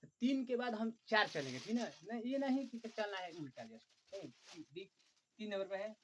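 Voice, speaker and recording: A man teaching an online chemistry lesson, dictating slowly and repetitively, often saying "look" and counting aloud. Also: high voice, sing-song, fairly bright tone, a little hiss or hum. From Bihar, India. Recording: dull lo-fi recording.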